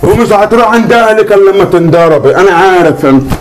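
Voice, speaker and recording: A man's voice: high voice, lively intonation, quick pace. A man voicing a drunk, bullying husband in a cartoon, with an Egyptian accent and a slurred, threatening, taunting way of talking. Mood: drunk menacing. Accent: Egyptian Arabic. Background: background music.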